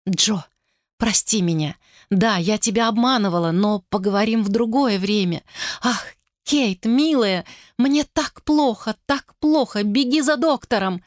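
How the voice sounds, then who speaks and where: A woman's voice: mid-range voice, moderate pace, dry recording, clean studio sound, pitched above the performer's own voice, lightly acted. A woman voicing a frightened young wife who pleads and cries out in a tense, raised voice, in a storybook reading. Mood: pleading.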